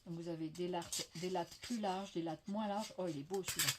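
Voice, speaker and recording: A French woman talks fairly quickly through her crafting haul vlog, her lowish voice fairly even in intonation and slightly veiled from a lingering cough. She gushes and chats casually, full of fillers. The background is noisy, including a faint clatter of dishes.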